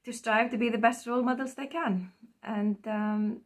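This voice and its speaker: A woman from Iceland with an Icelandic accent, giving a hesitant recorded acceptance speech full of pauses and ums, trailing off quietly at times. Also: a little high, fairly even intonation. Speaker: award recipient.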